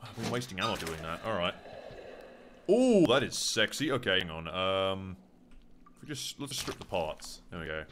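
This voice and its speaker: An Australian man talks his way through a video game, muttering asides and swearing when things go wrong. His pitch swings a lot and his delivery is lively. The recording carries a steady hiss of background noise. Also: moderate pace. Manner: excitable, swearing, mutters to himself. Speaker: gamer. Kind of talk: casual gameplay commentary.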